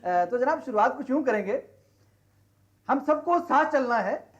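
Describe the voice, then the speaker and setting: A fawning boastful speechwriter. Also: male voice, extremely high pitch, animated, unhurried, muffled recording. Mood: sly. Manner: boastful tall-tale telling, fawning "huzoor". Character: boastful scheming speechwriter, storyteller.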